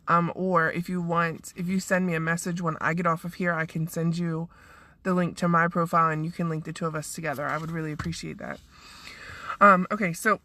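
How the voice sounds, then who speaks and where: A woman's voice: lowish voice, fairly bright tone. A woman who is losing her voice, casually recapping her event and thanking sponsors with lots of ums. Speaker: event organizer. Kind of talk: casual live video recap.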